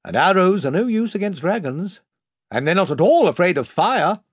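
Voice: medium pitch, big pitch swings, normal speed, breathy edge, no echo, clean studio sound, pitched above the performer's own voice. A reader voicing a young king who gives orders firmly and with authority. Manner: firm, authoritative. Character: young king, firm and commanding. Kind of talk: audiobook reading.

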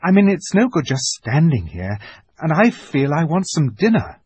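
A man's voice: a little high, very animated, normal speed, a little mellow, breathy edge, voice pushed up. Susan, a sensible girl, read by a man. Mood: earnest. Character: sensible girl, practical and cautious. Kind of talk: storybook reading.

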